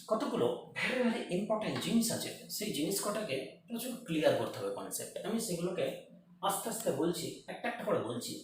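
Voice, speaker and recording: A man teaching chemistry in a lively, repetitive way, often checking whether his students have understood. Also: high voice. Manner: lively, repetitive, calls students "beta", checks if it's clear. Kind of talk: whiteboard chemistry lecture. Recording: echoey room, distant mic, faint noise.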